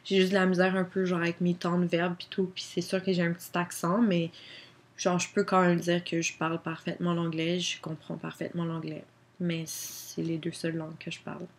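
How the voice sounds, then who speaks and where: Speaking briskly in a low, level tone, a young vlogger from Quebec with a Québécois French accent chats casually into her webcam. She answers questions, filling her speech with many fillers.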